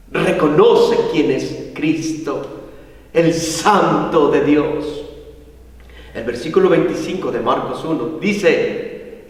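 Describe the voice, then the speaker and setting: A man preaching a sermon as pastor, emphatic and full of rhetorical questions. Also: sits high. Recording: echoey hall, mic far off.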